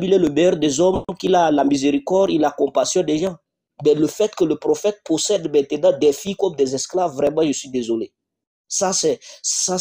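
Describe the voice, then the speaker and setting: A man's voice: fairly high pitch, mellow, breathy edge. A man reading out religious texts in a live online debate, insisting and repeating rhetorical questions.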